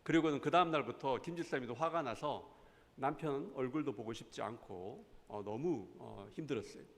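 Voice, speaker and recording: A man's voice: medium pitch, normal speed, vocal fry. A man in his fifties who teaches a church Bible class, telling a story and acting out the quoted lines of an argument, often putting questions to his audience. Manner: animated, acts out quoted arguments with rising voice. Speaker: professor teaching a lay Bible school. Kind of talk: lecture with storytelling. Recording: long hall reverb.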